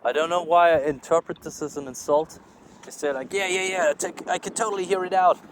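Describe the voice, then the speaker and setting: Speaking fairly quickly in a voice on the high side, a sleep-starved German-accented vlogger rambles into his phone while strolling outdoors. He's blunt, profane, and self-deprecating. The phone picks up street ambience and vehicles going by.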